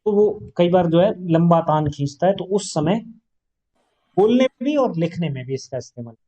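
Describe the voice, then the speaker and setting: Male grammar teacher, fairly high and mellow voice, patient classroom explainer who poses rhetorical questions; dull lo-fi recording. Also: lively intonation, moderate pace.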